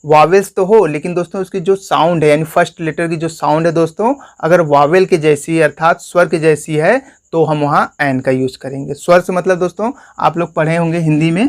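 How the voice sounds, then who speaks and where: Man with a Hindi accent, a bit high-pitched, English grammar tutor who keeps asking and answering his own questions. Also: steady tone, fairly quick, few pauses. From India. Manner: repeats "friends" and asks questions he answers himself. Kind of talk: explanatory classroom lesson.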